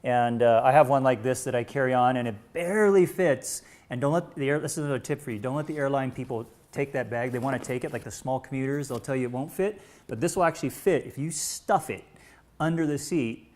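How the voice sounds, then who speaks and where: A man presenting camera bags on a live show, relaxed and friendly as he gives tips. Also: medium pitch, fairly quick. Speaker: product presenter. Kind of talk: casual product demo.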